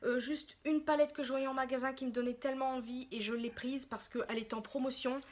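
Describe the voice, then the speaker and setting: Excitable high-voiced woman vlogging. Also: brisk. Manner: excitable, gushing, chatty and apologetic. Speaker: beauty vlogger. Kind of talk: casual makeup haul chat.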